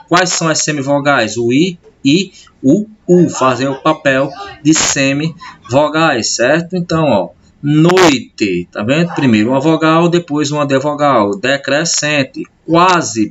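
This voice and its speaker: In a recorded video lesson, a male teacher with a mid-range, fairly bright voice explains grammar step by step, often checking in with his pupils. The audio is dull and lo-fi with faint noise.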